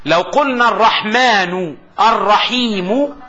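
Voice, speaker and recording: A man giving a classroom lecture on grammar. He asks the class rhetorical questions and slowly recites his examples. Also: high voice, pushed and bright. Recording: dull lo-fi lecture recording.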